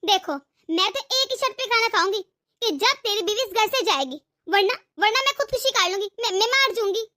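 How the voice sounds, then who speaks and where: A woman's voice: extremely high pitch, animated, a little fast, sharp tone, heavily acted. A woman voicing a stubborn, domineering older mother-in-law in a cartoon, scolding and threatening. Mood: scornful. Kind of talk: cartoon voice acting.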